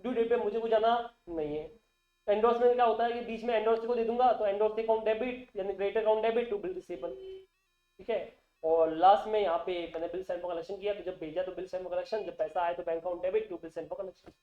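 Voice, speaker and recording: His voice sits high and steady, moving a little fast. The man lectures on accountancy, constantly putting questions to the class and echoing terms back in call-and-response style, captured in a dull, roomy classroom recording.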